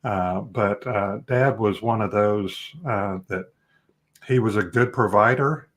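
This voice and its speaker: A man's voice: on the low side, slow. A middle-aged man from Texas, a life coach guest speaking earnestly and reflectively in a casual interview. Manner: earnest, reflective, with many fillers.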